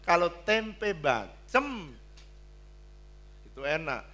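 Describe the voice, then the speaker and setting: Older male pastor, higher bright voice; sermon delivery, blunt, dramatic swings between soft pleading and shouts. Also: very animated, very slow. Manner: emphatic, swinging from hushed pleading to loud exclamations; blunt, joking with the congregation. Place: church hall.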